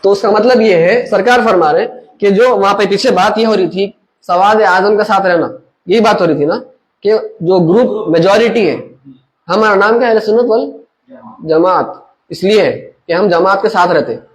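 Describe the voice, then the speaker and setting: High-voiced man teaching a religious lesson. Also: moderate pace, low-quality recording. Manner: explains with everyday examples, checks understanding with listeners. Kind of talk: conversational Islamic lesson.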